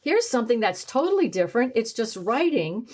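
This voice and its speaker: Art teacher musing, higher-pitched woman. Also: big pitch swings, brisk, a little mellow. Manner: thinks aloud, musing and trying options. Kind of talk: casual painting demonstration.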